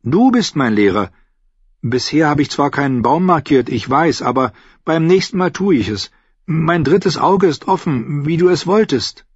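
A man's voice: on the high side, animated, normal speed, husky, no room sound, pitched above the performer's own voice. A man voicing a whiny, eager nine-year-old noble boy who pleads in a raised boyish voice. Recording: slightly dull dry recording.

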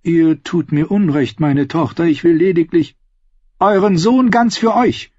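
Ein Mann liest in einem Hörbuch eine intrigante Königinmutter, gefasst und herablassend. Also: male voice, a little high, a little slow, a little mellow, dry recording, dull audio, voice pushed up. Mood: condescending. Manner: smooth, condescending. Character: scheming older queen mother, coolly composed. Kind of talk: audiobook dialogue.

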